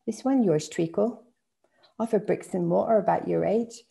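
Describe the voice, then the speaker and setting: A woman's voice: mid-range voice, creaky, dark tone. Woman doing a chummy Cockney cabbie. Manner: chummy, slow, rhyming slang. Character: jovial Cockney cabbie, chatty, rhyming slang.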